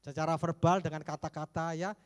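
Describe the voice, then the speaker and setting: A man preaching a sermon as pastor, jumping between emphatic bursts and hushed low asides, with jokes along the way. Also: little pitch movement, fairly quick. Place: church sanctuary. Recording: echoey church hall.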